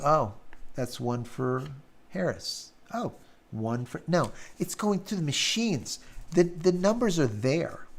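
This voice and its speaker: A man hosting a live stream in casual chat, blunt and quick to swear, his throat sore and worn after hours of talking. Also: a little high. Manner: blunt, ranting, swears freely.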